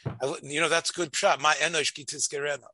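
Man, sharp bright tone, emphatic debating, stop-and-start phrasing, close dry sound. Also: fairly high pitch, fairly even intonation, no echo. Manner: argumentative, emphatic, halting with repeated words. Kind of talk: religious debate, conversational.

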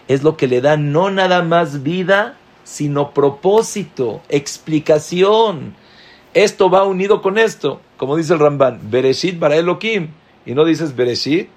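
Slow, emphatic man teaching Torah. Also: a little mellow. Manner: slow, emphatic teaching with sudden pitch leaps. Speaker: rabbi. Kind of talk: Torah class.

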